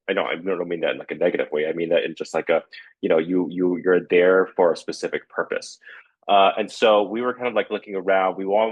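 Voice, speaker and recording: A man's voice: low voice, breathy edge, dry recording, low-quality recording. A man talking casually in an interview, in a rambling, conversational way. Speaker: festival co-founder.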